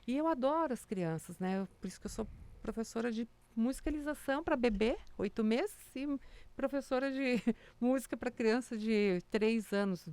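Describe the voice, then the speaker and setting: A woman's voice: on the high side, normal speed. A woman, a music teacher for small children, telling stories in casual chat and acting out the quotes in them. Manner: animated storyteller acting out quotes, many "né?" tags.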